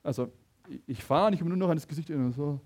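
A man preaching a sermon, telling a personal story with animated stammering restarts and talking straight to his listeners. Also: fairly high pitch, rapid-fire. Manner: animated, stammering restarts, addresses the audience directly.

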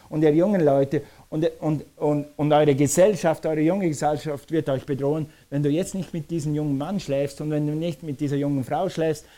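A man preaching a lively sermon, acting out scenes as he speaks. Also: a little high. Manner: animated preaching, acts out scenes. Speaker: pastor.

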